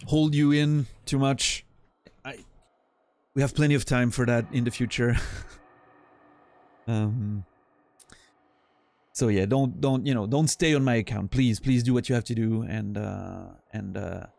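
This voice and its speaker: His mid-range voice turns creaky, with a darkish tone and no echo. He's a man in his forties from French-speaking Switzerland, Swiss French accent and all, loosely chatting with his stream chat as he rambles, jokes at his own expense and lets thoughts trail off with fillers.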